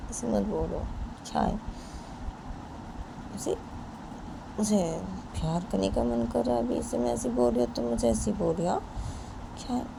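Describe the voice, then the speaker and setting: A woman doing a soft, pleading young lover. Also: a little high, moderate pace, gravelly, pauses often, background noise, pitched above the performer's own voice. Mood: coaxing.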